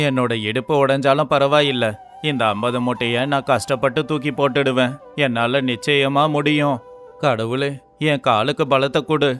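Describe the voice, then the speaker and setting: Guy voicing a tired poor worker in a cartoon, earnest, mid pitch. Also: a bit bright, lightly acted. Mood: determined. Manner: pleading, earnest. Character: poor, weary, honest young male laborer. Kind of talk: storybook voice acting.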